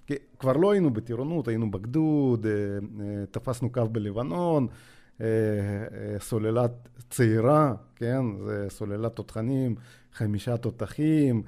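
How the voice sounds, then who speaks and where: A man in his forties with a Russian accent, a podcast guest telling his own story in a hesitant, halting way full of filler sounds. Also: medium pitch, warm tone. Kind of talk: personal storytelling.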